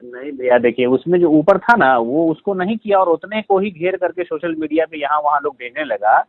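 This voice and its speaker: Over a tinny, lo-fi recorded phone call, a man from Bihar, India, with a Bihari accent, is confronted about a social media comment. He pleads and explains himself deferentially and apologetically, repeatedly saying brother. His voice is fairly high, animated and fairly quick, with no room sound.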